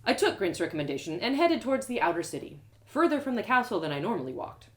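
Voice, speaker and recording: Her voice medium in pitch, a woman reads aloud a fantasy story told in the first person, performing live as a storyteller with expressiveness and dramatic pauses.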